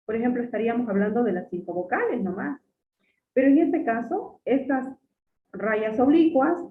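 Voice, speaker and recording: A woman teacher giving an online class, explaining patiently, repeating her points and calling her students "jóvenes". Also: fairly high pitch. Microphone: computer mic on a video call. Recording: echoey, phone-like video call audio.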